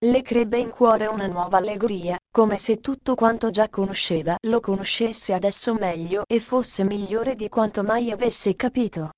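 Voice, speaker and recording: A woman narrating a storybook with steady, measured reading. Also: mid-range voice.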